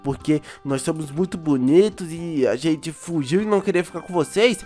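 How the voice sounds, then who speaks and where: A man with a Brazilian accent doing a Minecraft role-play as a gaming YouTuber, excitable and full of exclamations and sighs. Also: a little high, moderate pace, faint music behind.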